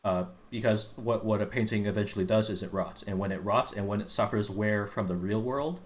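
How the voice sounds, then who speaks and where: A man talks on a live stream in a fairly low register. He is earnest and eager but rambling, circling back through fillers and half-finished phrases as he lays out a game's backstory for his friends. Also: fairly quick. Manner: rambling, full of restarts and fillers, earnest explainer. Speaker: streamer explaining game lore to friends. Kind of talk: casual live-stream chat.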